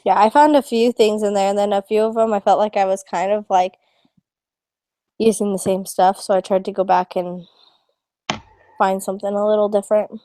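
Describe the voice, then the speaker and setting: A woman's voice: mid-range voice, flat delivery, moderate pace, long pauses, mellow, no echo. A young woman student in a casual group discussion, rambling and filling her talk with "like.". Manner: rambling, many "like" fillers.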